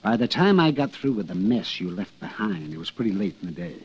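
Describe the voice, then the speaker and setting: An actor playing a nervous, hedging lawyer with a husky voice who hesitates and wavers, in old-time radio drama style. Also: male voice, lowish voice, very animated, a little fast. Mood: worried. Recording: dull lo-fi old radio recording.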